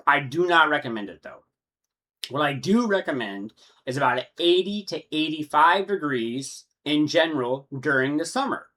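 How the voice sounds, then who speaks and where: A man's voice: fairly high pitch, lively intonation, moderate pace, a bit bright. A man with a Texan accent explaining insect care in a casual, rambling way, often correcting himself mid-sentence. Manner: rambling, self-correcting, conversational. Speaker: insect breeder. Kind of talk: casual instructional talk. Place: his room with his insects.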